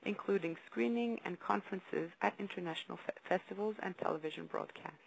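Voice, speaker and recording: A woman reading a formal, measured presentation about a youth video project on a webinar. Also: on the low side, creaky, slight background noise, low-quality recording. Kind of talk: read-out presentation.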